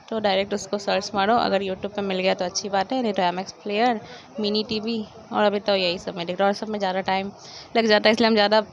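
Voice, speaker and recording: A young woman from India chatting casually to viewers about her studies, rambling and often trailing off into soft asides. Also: a little high. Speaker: study vlogger. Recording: dull lo-fi phone audio with faint noise.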